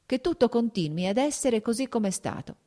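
A woman's voice: a little high, expressive, fairly quick, dark tone, voice pushed up, lightly acted. A woman reading a reserved young officer. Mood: earnest.

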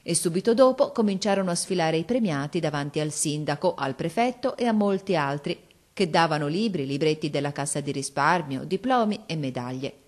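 A woman reading a classic children's story aloud as narrator, in a measured, expressive way. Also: sits low. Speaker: audiobook reader. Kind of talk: scripted narration.

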